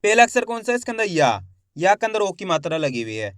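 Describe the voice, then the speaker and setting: High-voiced man sounding out syllables. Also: big pitch swings, dry recording, clean studio sound. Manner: slow, drawn-out syllable by syllable pronunciation; addresses viewers as friends, asks quiz questions. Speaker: Hindi reading teacher. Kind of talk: spelled-out reading lesson.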